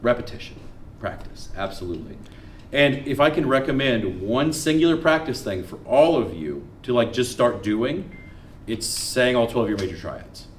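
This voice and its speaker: A man teaching a music theory class, quizzing students and counting notes aloud in a lively lecture. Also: medium pitch, moderate pace, distant mic, slight background noise. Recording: roomy classroom with guitar behind.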